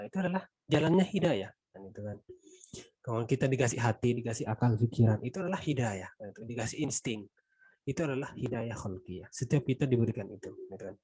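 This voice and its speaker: Mellow husky Indonesian religious teacher. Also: male voice, mid-range voice, expressive, fast talker, dry recording. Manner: conversational, frequent "gitu kan" tags, trailing softly. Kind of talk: Quran exegesis lesson.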